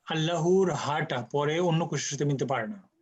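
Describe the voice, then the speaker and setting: A man's voice: fairly high pitch, moderate pace, slightly rough. Patient man teaching over a call. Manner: patient, explains with examples, mixes in English. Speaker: Quran Arabic teacher. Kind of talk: online class discussion.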